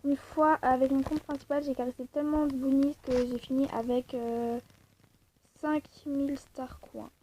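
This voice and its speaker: A woman's voice: high-pitched, level tone, moderate pace. A young woman casually commenting on a game she plays, rambling with many fillers. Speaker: gaming video creator. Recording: faint background noise.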